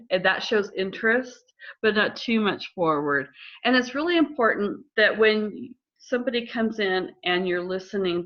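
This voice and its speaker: A middle-aged woman counselor explaining listening skills in a calm, measured way during a conversation. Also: mid-range voice. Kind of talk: instructive conversation. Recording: slightly dull lo-fi audio.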